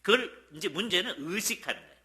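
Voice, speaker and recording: A man lectures a church audience in a fairly high, very bright voice. He acts out quoted lines and sometimes drops to a whisper. He keeps checking in with the listeners, and his pitch rises and falls a lot. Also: fast. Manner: lively, checks in with the audience by asking "예?". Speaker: guest lecturer at a church seminar. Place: church hall.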